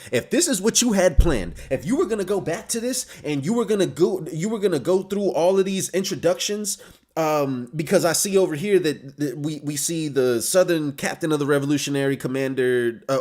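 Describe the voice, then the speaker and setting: A young man hosting a live manga discussion, reacting excitedly in slangy casual talk as he reads along. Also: a little high. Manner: excitable, slangy, jumps between reading and ranting.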